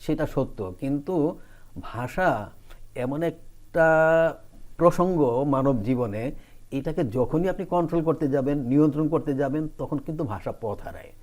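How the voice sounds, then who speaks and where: A man appearing as a guest scholar, discussing language in a deliberate, lecturing way. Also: fairly high pitch, lively intonation, a little mellow. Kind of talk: academic discussion.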